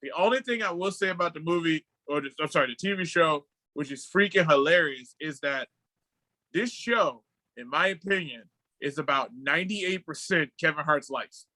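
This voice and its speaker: Bright, animated podcast co-host guy. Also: on the high side, moderate pace, dry recording, poor audio. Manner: animated, slangy storyteller who swears freely. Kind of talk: casual podcast chat. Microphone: video call.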